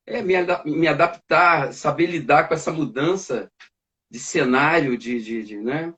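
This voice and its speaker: A man's voice: fairly high pitch, fairly bright tone. A male pastor chatting in a church talk, hesitating and repeating words while he builds his point, sometimes mimicking family members arguing. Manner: halting, repeats words, acts out family arguments.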